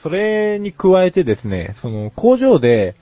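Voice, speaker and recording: A man's voice: high-pitched, sing-song, a little slow, no echo, phone-quality sound. A man from Yokohama hosting a casual comedy talk show, joking as he explains food like a mock cooking teacher. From Yokohama, Japan. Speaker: podcast host.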